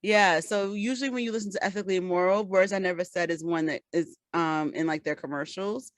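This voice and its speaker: A woman's voice: fairly low pitch, brisk, no room sound. A woman co-hosting a casual podcast chat, patiently explaining and giving advice. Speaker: podcast co-host.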